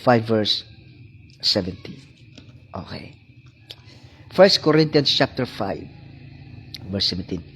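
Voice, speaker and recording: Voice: medium pitch, animated, slow, long pauses, fairly bright tone, husky, soft background music. A preacher with a Filipino accent giving a sermon, moving between English and local languages and repeating phrases for emphasis. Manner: mixes English with Tagalog and Cebuano.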